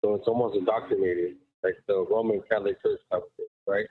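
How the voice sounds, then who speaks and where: Power walking as he talks, a male caller chats casually into a show over his phone at a quick pace. His husky voice sits on the low side with a steady tone, and he rambles emphatically, leaning on fillers. The phone audio is tinny, dry, and muffled as though through a wall, with no echo.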